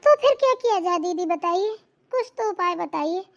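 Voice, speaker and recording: A woman's voice: extremely high pitch, lively intonation, normal speed. A woman voicing a meek, polite young daughter-in-law in a cartoon who worries a lot. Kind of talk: cartoon voice acting.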